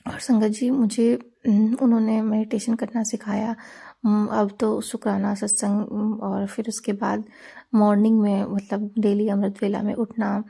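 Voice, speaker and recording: Woman, flat delivery, mellow voice, devotional testimony, frequent restarts. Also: mid-range voice, vocal fry, husky. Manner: fast, rambling talk with many restarts and fillers. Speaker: devotee sharing a gratitude satsang.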